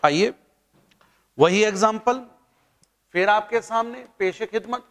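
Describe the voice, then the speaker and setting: Lively high-voiced Indian teacher, reverberant. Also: male voice, slow. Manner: playful, chatty teaching with jokes and asides. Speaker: chemistry teacher. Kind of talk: classroom lecture.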